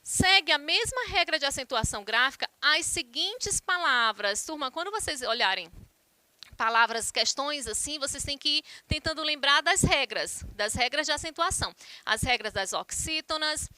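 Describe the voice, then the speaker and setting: A woman's voice: high voice, expressive, normal speed, pushed and bright, no room sound. A woman with a Brazilian Portuguese accent teaching an online grammar lesson, talking straight to her class and reading out the answer choices one by one. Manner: addresses the class directly, reads options aloud.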